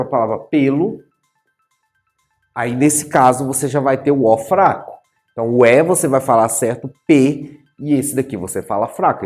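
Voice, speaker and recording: A male teacher giving an animated writing and grammar lesson at a whiteboard, playfully addressing his students and stretching out key words as he explains. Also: medium pitch. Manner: animated, playfully addresses viewers as "senhores, senhoras e senhoritos". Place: in front of a whiteboard.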